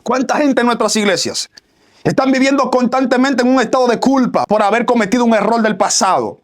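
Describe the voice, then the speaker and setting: A man's voice: very high-pitched, brisk. A man from the Republic, preaching a radio sermon emphatically and repeating phrases in building lists. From Dominican Republic. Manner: raises his voice to a near shout at peaks.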